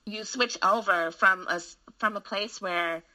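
A woman's voice: medium pitch, a little slow, a crowd in the background, rough recording. A woman who works in school administration, candidly telling stories in casual conversation. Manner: candid, frank, animated storyteller with frequent restarts.

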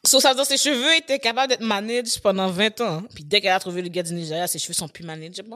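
A woman telling stories in casual chat, animated and laughing often. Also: medium pitch, quick pace.

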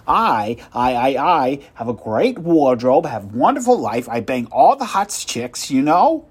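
A man's voice: a little high, big pitch swings, moderate pace, husky. A man playing a pushy, insulting telemarketer who brags and swears. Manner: loud, insulting hard sell. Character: pushy rude male phone salesman.

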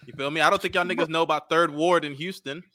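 A man's voice: on the high side, steady tone, fast, sharp tone, no room sound, studio quality. A young American man bantering casually with friends in teasing, profane frat-bro slang. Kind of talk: casual group chat on a stream.

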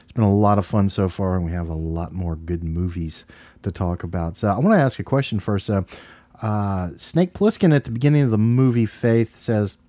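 A man's voice: lowish voice, moderate pace, dark tone, no room sound. A man co-hosting a late-night radio show, talking casually about films and often circling back over his phrases. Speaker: radio co-host.

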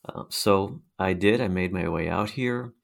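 Middle aged guy being interviewed, hypnotic low voice w some gravelly fry, conversational. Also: a little slow. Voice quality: hypnotic, mesmerizing voice. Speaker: guest, consciousness researcher.

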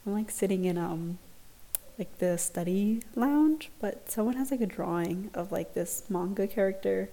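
A woman's voice: medium pitch, animated, moderate pace, warm tone. A young woman giving a casual solo podcast update in an awkward, hesitant, self-conscious way, recorded on earphones in a dorm lounge. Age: young adult. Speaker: podcast host. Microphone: laptop recording with earphone mic.

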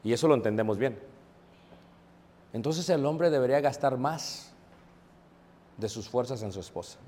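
A man with a Mexican accent preaching a sermon, conversational and lively, often asking the congregation questions. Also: medium pitch, moderate pace, a little hiss or hum. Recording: long hall reverb.

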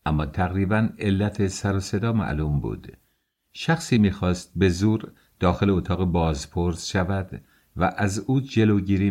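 A man with a very low voice reads a novel aloud in a steady, scripted narration. He voices the characters' lines himself between the narrated passages. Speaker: audiobook narrator.

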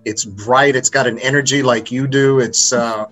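A man's voice: medium pitch, steady tone, normal speed, fairly bright tone, faint music behind. A man co-hosting a podcast interview, enthusiastic, with frequent ums. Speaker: podcast co-host.

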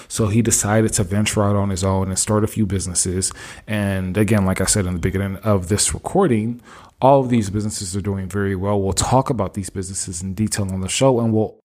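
Man, podcast host, lowish voice, chatty, enthusiastic, casual talk. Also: a little mellow.

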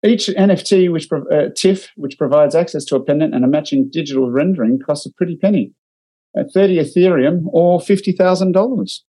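A man with an Australian accent and a warm, slightly high voice talks fairly quickly as he co-hosts a casual marketing podcast over a remote call. A digital marketer, he reads out clips and critiques them with dry humor, though the recording quality is low.

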